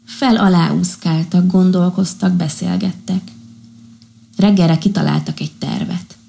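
A woman narrating a children's storybook in a calm, expressive reading style. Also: fairly low pitch, vocal fry.

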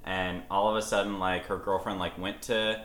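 A man's voice: deep voice, level tone, normal speed, fairly bright tone, roomy sound, a little hiss or hum. A young man hosting a casual podcast chat, laughing often and rambling through a story. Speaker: podcast host.

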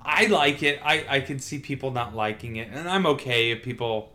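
On a casual film review podcast, a male co-host speaks at normal speed with a medium-pitched voice. His delivery is animated, with occasional swearing and acted-out quotes.

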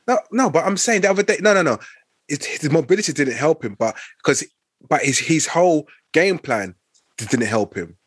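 A man with a London accent pushes his point in casual debate, insistent and repetitive. His voice is high and lively with a raspy grain, in a dry recording. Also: moderate pace, no echo. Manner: insistent, repeats himself to hold the floor. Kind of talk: casual debate among friends.

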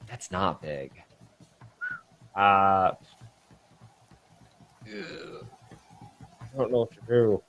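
Man, tabletop player, unhurried talk, low voice, flustered thinking aloud. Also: expressive, highs cut off, a little hiss or hum. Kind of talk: casual tabletop play.

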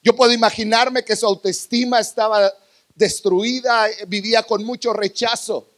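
Male preacher, very high voice, dramatic sermon delivery with loud peaks and quiet drops, church congregation. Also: steady tone, normal speed. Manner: dramatic, swinging from loud bursts to hushed lows.

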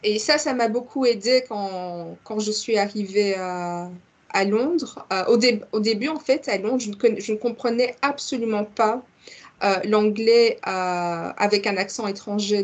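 A woman speaks as a guest in a casual podcast chat, at a middle pitch. She talks at length and tells stories freely, often restarting her sentences as she goes. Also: moderate pace. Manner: chatty, expansive storyteller with many fillers and restarts.

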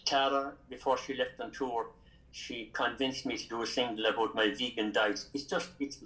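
A man's voice: medium pitch, fairly even intonation, normal speed, pushed and bright, low-quality recording. An older man with an Irish accent chatting casually as a guest, rambling and repeating his phrases over and over. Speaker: podcast guest. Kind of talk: casual chat.

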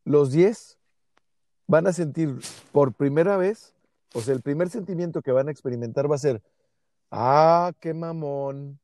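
A man's voice: fairly high pitch, normal speed, warm tone, no room sound. A man with a Mexican accent co-hosting a casual podcast chat, reflective and fond of rhetorical questions. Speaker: podcast co-host.

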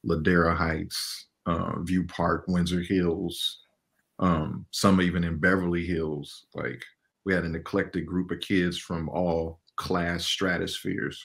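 This Los Angeles-raised man in his forties is an animation director giving relaxed, filler-heavy answers as a guest, laughing frequently. He speaks at a measured pace in a low, creaky voice that stays fairly flat in pitch yet sounds fairly bright.

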